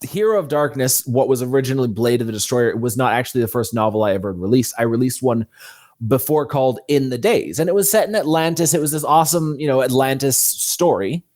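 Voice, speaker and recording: A man appears as a guest author in an interview, telling his own story casually and candidly and acting out quoted thoughts as he explains. His mid-range voice has a darkish tone and a quick pace.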